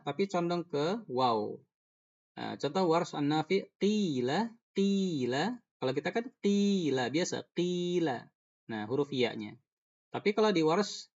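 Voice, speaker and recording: A man's voice: on the high side, muffled recording. A man teaching Quran recitation in an online class, patiently explaining and repeating sounds to demonstrate them. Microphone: video call.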